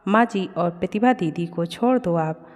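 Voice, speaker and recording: A woman voicing a timid, gentle young daughter-in-law who pleads softly. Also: lowish voice, moderate pace, lightly acted. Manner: pleading, frightened. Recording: long reverb.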